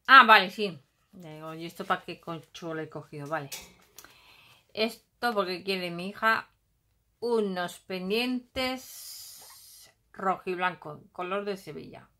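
A middle-aged Spanish woman with a Basque Country accent chats casually while unpacking a craft haul at her table at home. Her voice is lowish and sharp, and she goes slowly with frequent pauses, thinking aloud and humming fillers.

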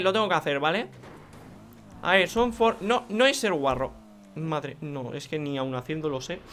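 A young man with a Spain Spanish accent giving excitable, joking commentary over a racing game, full of exclamations. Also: high voice, slight background noise. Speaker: gaming video creator. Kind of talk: casual gameplay commentary.

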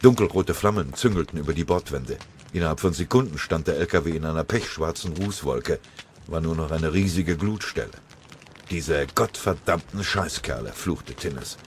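A man narrating a war audiobook in a steady, dramatic reading. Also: rumbling low, normal speed, a little hiss or hum. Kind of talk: scripted narration.

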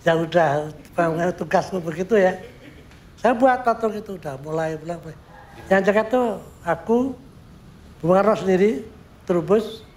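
An older man recalling his work in a documentary interview, an animated storyteller who acts out what he remembers. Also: sits high, slight background noise. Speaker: sculptor recounting his work.

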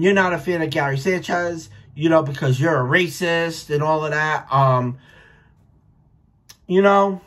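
In a small furnished room at home, a Rhode Island baseball fan in his thirties vlogs blunt, opinionated post-game reactions on his webcam, with lots of swearing. His voice is on the high side and a bit bright.

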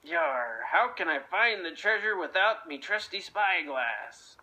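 A gruff male pirate captain from a cartoon storybook, talking in slow, drawn-out pirate lingo, with a woman putting him on. The voice stays bright but is pushed down into a growl. It swings widely in pitch. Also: sing-song, dull audio, full character voice. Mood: scheming.

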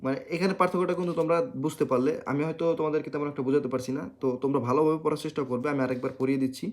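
A man teaching beginners Italian, drilling syllables slowly one by one and explaining patiently, repeating so they remember. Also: a little high, steady tone, darkish tone. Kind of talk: beginner language lesson.

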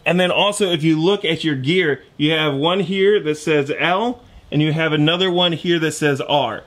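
A man's voice: on the high side, normal speed, fairly bright tone. A man in his thirties casually explaining an engine rebuild step by step in his home garage, his voice picked up by the camera mic while he works. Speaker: garage mechanic host. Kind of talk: casual how-to narration.

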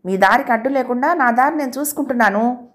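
A woman's voice: fairly high pitch, quick pace, natural voice. A woman voicing a defiant, proud young woman in a spoken audio novel, mocking and stubborn.

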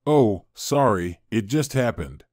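A man reading the part of a shy young man who speaks softly and apologetically. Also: fairly low pitch, lively intonation, takes it slowly, dry recording, clean studio sound. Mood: apologetic. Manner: soft and apologetic.

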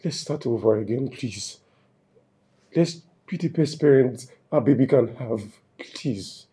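An actor playing a remorseful young man, softly pleading with his partner to forgive him. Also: mid-range voice, animated, measured pace, natural voice. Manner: pleading, soft and broken.

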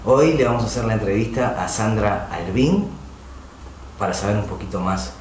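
A man's voice: fairly low pitch, lively intonation, normal speed, a little hiss or hum. Friendly man hosting an interview. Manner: friendly, uses vos. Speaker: interview host. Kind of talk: conversational interview. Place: small candlelit room indoors. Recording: echoey room with faint ambience.

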